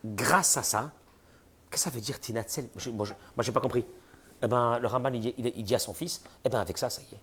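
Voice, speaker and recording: A man's voice: mid-range voice, brisk, husky. A man giving a religious lesson to listeners. He asks rhetorical questions and acts out the people he describes. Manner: animated, rhetorical questions, voices imagined people. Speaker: rabbi teaching a class.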